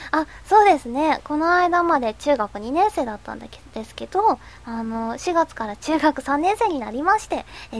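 A woman playing a fifteen-year-old schoolgirl radio host, reading listener comments in a soft, hesitant, giggly way with a stuffy nose from a cold. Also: sits high. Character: shy teenage schoolgirl, fifteen.

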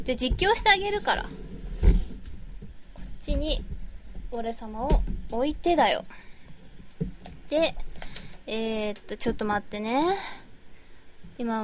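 A woman on a live stream, chatting casually while she fusses over her audio setup and reads chat comments into a boom mic. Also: slight background noise.

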